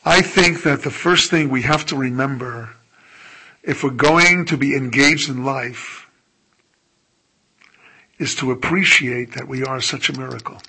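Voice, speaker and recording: A male rabbi giving a sermon in a slow, emphatic way, often letting his phrase endings fall soft. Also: mid-range voice, gravelly, slightly rough, poor audio.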